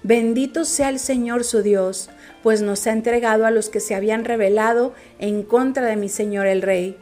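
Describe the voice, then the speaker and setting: A woman's voice: on the high side, fairly even intonation, normal speed, warm tone, soft background music, close to an everyday voice. A woman reading the part of an eager, respectful young male messenger. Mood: earnest.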